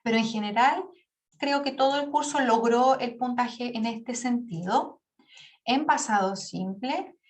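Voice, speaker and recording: A woman teacher giving patient, explanatory feedback on an exam to her class, often checking in with the students. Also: fairly high pitch. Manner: patient, explanatory, checks in with frequent tag questions; demonstrates word pronunciation slowly. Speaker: English teacher.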